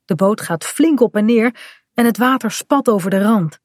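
A woman's voice: medium pitch, animated, moderate pace, a little mellow, no echo, clean studio sound. Woman reading a children's story. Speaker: narrator.

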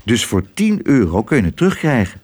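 A man's voice: medium pitch, sing-song, fairly quick, darkish tone, breathy edge. A man voicing a kind older male antique dealer in a children's audiobook. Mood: kindly.

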